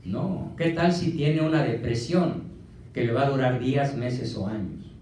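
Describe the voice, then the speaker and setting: A man's voice: medium pitch, unhurried, a little mellow, a little hiss or hum. A man with a Mexican accent giving a motivational lecture, firing rhetorical questions at his audience. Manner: emphatic, fires rhetorical questions. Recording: echoey room from a distant mic.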